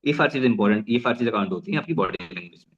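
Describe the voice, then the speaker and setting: Fast-talking business trainer, man. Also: on the low side, lo-fi sound. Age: young adult. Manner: energetic, repeats and restarts phrases; mixes English phrases into Hindi. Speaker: network marketing trainer. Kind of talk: motivational business talk.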